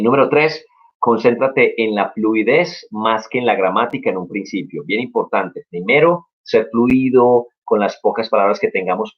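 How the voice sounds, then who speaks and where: A young man hosting a casual live-stream English lesson, talking in a lowish voice. He sounds upbeat and encouraging and walks through his points one by one. The audio is dull and lo-fi, like a streamed recording. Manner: upbeat, encouraging, explains step by step. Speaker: English teacher. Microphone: live-stream mic.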